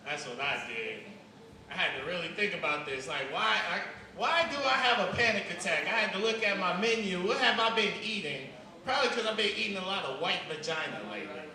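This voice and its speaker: A man performing a stand-up comedy set on stage, rambling loosely between bursts of loud emphasis. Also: sits high, expressive, fairly quick. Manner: loose, rambling delivery with sudden loud outbursts. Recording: roomy, distant live club recording with noise.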